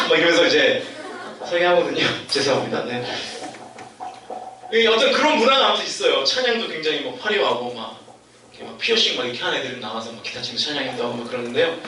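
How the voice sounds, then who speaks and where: A man's voice: a little high, pushed and bright. A male youth pastor preaching to young adults in a church, telling a story in a chatty way and acting out the voices he quotes. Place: church hall. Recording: echoey church hall, distant mic, faint noise.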